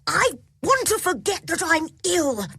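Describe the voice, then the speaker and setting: A woman's voice: measured pace, gravelly, no echo, clean studio sound, heavily acted. A woman voicing a sickly, anxious, spoiled young boy in a storybook reading. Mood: insistent. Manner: high, pleading and excitable.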